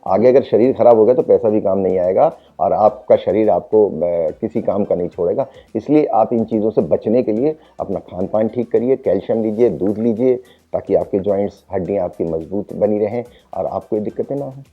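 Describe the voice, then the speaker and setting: A man speaking as the doctor guest on a talk show, explaining calmly and repeating reassurances. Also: lowish voice, brisk, faint music behind. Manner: calm advising, repeats reassurances. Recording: phone-like narrow band.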